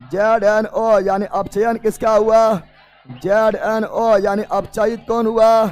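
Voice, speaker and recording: A male teacher running a chemistry class, firing the same questions again and again and often shouting or half-singing. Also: high voice, little pitch movement, slow pace, highs cut off, soft background music. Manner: loud drilling questions, often shouting and sing-song. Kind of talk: classroom chemistry lesson with call-and-response.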